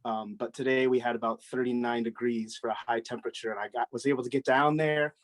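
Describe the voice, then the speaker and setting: A man sharing a personal reflection on a workshop video call, halting and searching for words. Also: medium pitch, steady tone, dry recording. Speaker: workshop participant.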